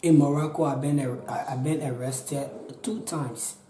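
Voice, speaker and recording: A man's voice: medium pitch, steady tone, unhurried, mellow, roomy sound, slight background noise, low-quality recording. A Liberian man in his twenties with a Liberian accent, telling his own story in an interview, earnest and pleading, often repeating himself. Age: 20s. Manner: pleading, repetitive, restarts often. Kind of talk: earnest personal account.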